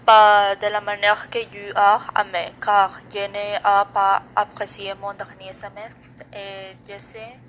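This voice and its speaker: Slow, flat-voiced teenage girl. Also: mid-range voice, slight background noise, poor audio. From Mexico. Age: teens. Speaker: student. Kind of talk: reading a self-introduction.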